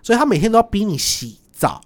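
Brief: young man, a bit high-pitched, rapid animated storyteller. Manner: animated, quick, acts out voices in his stories. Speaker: guest. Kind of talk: storytelling in casual chat.

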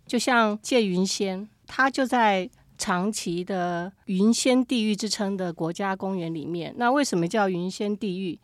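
A woman guest on a podcast, telling travel stories in a lively way and often agreeing with a quick string of "yes, yes, yes". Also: mid-range voice, no echo. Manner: lively storytelling, frequent "dui dui dui". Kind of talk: casual interview chat.

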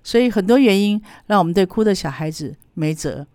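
A woman educator, chatting in an animated storytelling way on a podcast about parenting. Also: mid-range voice, fairly quick, dry recording. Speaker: early childhood educator.

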